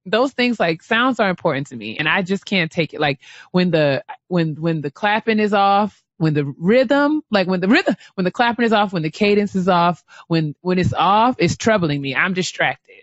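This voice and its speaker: A woman co-hosting a casual podcast, talking in an animated way and repeating phrases as she builds a point. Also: fairly low pitch, normal speed, dry recording, lo-fi sound. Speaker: podcast co-host.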